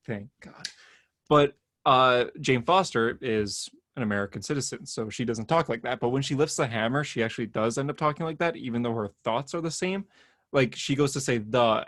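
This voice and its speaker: A man's voice: medium pitch, fairly bright tone, no echo, studio quality. A man co-hosting a podcast, chatting casually about comic-book news, rambling a bit and laughing often. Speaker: podcast co-host.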